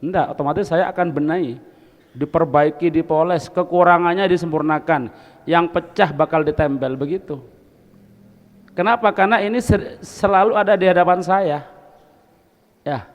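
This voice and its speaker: A man's voice: a little high, normal speed, long pauses, big-room sound. A man gives a folksy, conversational sermon in a religious study circle, asking the audience questions and slipping in Arabic phrases. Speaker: religious teacher. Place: hall of a boarding school.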